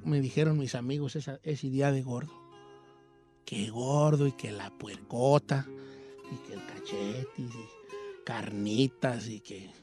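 A man's voice: medium pitch, darkish tone, close to an everyday voice. A man voicing an old Mexican rancher with a Mexican accent, hosting a radio show and telling a rambling, self-mocking comic story.

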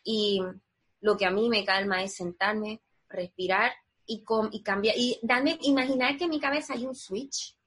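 A woman with a fairly high, husky voice talks as a guest in a relaxed interview. She is earnest and reflective and walks through her ideas one step at a time. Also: moderate pace. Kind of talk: casual interview conversation.

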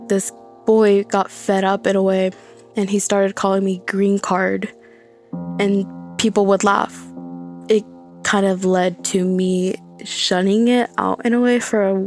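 College-age texas girl telling her story, flat even voice, kinda hesitant, faint music under. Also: medium pitch. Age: late teens. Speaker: interviewee. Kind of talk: personal testimony.

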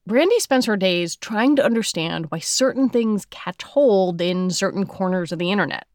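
A woman's voice: mid-range voice, lively intonation, moderate pace, a little mellow, no room sound, studio quality. A woman with an American accent hosting a podcast, moving between scripted narration and interview questions. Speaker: podcast host.

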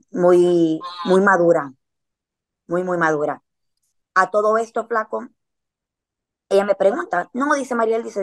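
A woman, chatting casually as a podcast guest and telling a story in a slangy way, with frequent filler words. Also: on the low side.

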